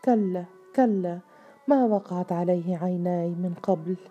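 A woman plays a scared young sister in an audiobook tale, sighing and pleading in a low, dark, mellow voice, with faint music behind. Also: normal speed, close to an everyday voice. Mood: fearful.

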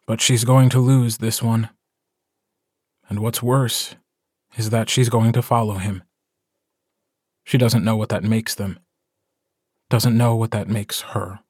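A man narrating a short story as an audiobook, in a calm, measured storytelling voice. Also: mid-range voice, no echo, studio quality.

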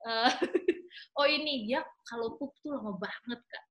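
A woman from Indonesia chatting casually as a podcast guest, animated and quick to laugh, dropping in English words. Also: on the high side. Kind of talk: casual chat.

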